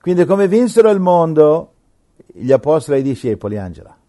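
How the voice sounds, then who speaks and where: Gravelly emphatic preacher man. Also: big pitch swings, fairly quick. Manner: emphatic, swings between loud rhetorical questions and low asides. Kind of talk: sermon.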